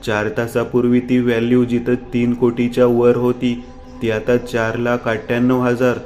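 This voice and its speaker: A man's voice: medium pitch, monotone, moderate pace, darkish tone, slight background noise, lightly acted. A man voicing a desperate young man who has lost everything, panicked and pleading. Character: desperate young man ruined by bad investment.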